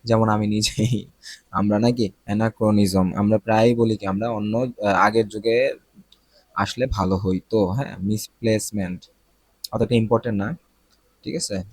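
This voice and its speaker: Bangladeshi man, vocabulary teacher, low voice, chatty, dry close sound. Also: steady tone, moderate pace, long pauses, a little mellow, husky, dry recording. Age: young adult. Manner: chatty, self-correcting, checks pronunciation aloud. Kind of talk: casual lesson explaining words.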